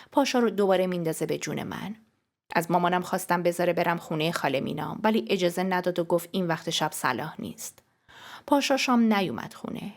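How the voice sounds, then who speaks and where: A woman narrating a first-person novel as an audiobook, telling it in an emotional, intimate way. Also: fairly low pitch.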